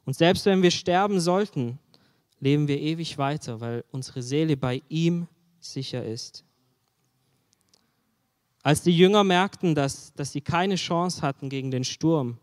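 A man's voice: a little high, in a large hall. A man preaching a sermon in an earnest way, putting direct questions to his listeners.

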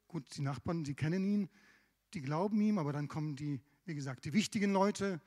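A man's voice: on the high side, fairly quick, a little mellow. A man preaching a sermon, retelling scripture in a conversational way with casual asides. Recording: long hall reverb.

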